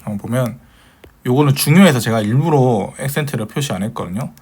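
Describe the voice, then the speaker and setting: A man's voice: mid-range voice, expressive, a little fast, a little mellow, husky. A man giving a recorded grammar lecture, explaining patiently step by step and addressing his students politely. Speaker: Hebrew grammar teacher.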